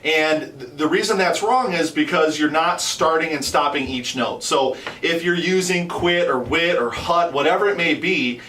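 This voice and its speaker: A man's voice: on the high side, normal speed, few pauses, pushed and bright, slight background noise. A man hosting an instructional video in an informal, conversational way, often repeating and rephrasing himself as he explains. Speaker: host and instructor. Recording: roomy echo, distant from the mic.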